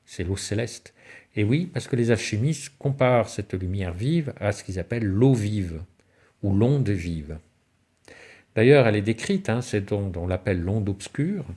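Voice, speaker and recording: Husky, low-voiced man lecturing. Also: lively intonation, a little slow, warm tone. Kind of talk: spiritual talk on alchemy and symbolism.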